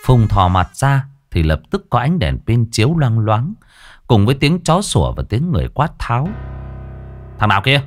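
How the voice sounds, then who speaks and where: A man's voice: mid-range voice, huge pitch swings, normal speed, slight background noise. A man narrating a ghost story in a vivid, colloquial storytelling manner. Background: soft music.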